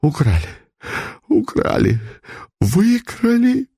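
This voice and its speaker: A man's voice: wildly swooping pitch, slow, warm tone, slightly rough, exaggerated voice. Man doing a shrieking fat merchant woman. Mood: wailing. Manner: shrill wailing.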